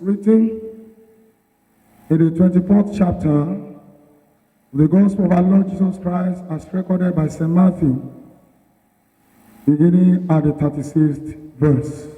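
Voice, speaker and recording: A man reading the Gospel at a church service in a deliberate, formal way. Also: high-pitched, fairly even intonation. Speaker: liturgical reader of the Gospel. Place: large reverberant church, far from mic. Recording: distant, phone-like band, long church reverb.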